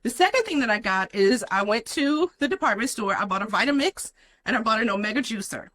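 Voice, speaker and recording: A woman's voice: on the high side, lively intonation, brisk, a bit bright, low-quality recording. A young adult woman, a guest in an interview, telling her personal story in an earnest way with many "you know" fillers.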